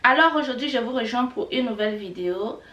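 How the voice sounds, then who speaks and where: Her voice is a little high, sharp, and lively in intonation, and she speaks fast, though the audio sounds dull. She is a middle-aged Kinyarwanda teacher from Rwanda, casually vlogging word lessons in a chatty, repetitive style full of fillers, recorded in an echoey room a bit away from the mic.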